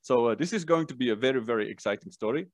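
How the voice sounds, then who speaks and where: A man from the Netherlands hosting a podcast, speaking slowly and deliberately, joking easily with his guest. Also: medium pitch, expressive, dry recording. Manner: slow and deliberate when introducing, loose and joking in chat. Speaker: podcast host. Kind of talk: casual interview chat.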